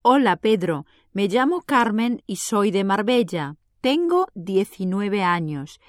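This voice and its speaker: An actress playing Carmen, a sociable young woman of nineteen, in a scripted exam dialogue, speaking clearly and carefully. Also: mid-range voice, big pitch swings, no room sound. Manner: clear, careful delivery, numbers read slowly. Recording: dry studio recording.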